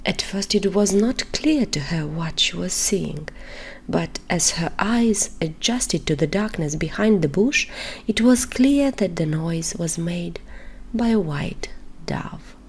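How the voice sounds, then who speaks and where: A woman narrating a bedtime story in a soft, unhurried whisper. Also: fairly low pitch, breathy edge.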